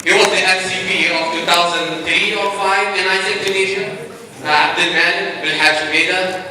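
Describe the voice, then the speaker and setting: A man's voice: high voice, fairly even intonation, moderate pace, pushed and bright, slight background noise. Young Algerian man in echoey hall. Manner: chatty, upbeat, rallies the crowd. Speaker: conference speaker. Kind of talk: casual conference talk. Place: large conference hall. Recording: echoey hall, mic at a distance. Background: audience.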